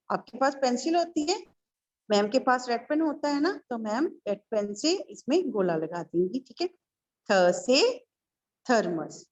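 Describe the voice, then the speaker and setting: A woman's voice: on the high side, a little mellow, muffled recording. A woman kindergarten teacher with a North Indian Hindi accent, giving an online lesson in a patient, sing-song way to small children.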